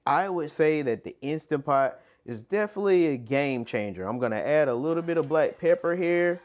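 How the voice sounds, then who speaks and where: A man's voice: on the high side, animated, normal speed. A man hosting a home cooking video, demonstrating a recipe with upbeat enthusiasm and plenty of repetition. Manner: upbeat, enthusiastic, repeats himself. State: talking with mouth full. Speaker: cooking channel host.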